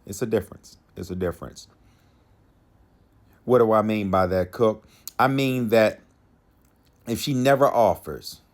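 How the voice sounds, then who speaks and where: A man's voice: fairly low pitch, a little slow, pauses often. A man hosting a podcast, giving dating advice in a casual monologue, repeating his key lines for emphasis and chuckling to himself. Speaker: podcast host.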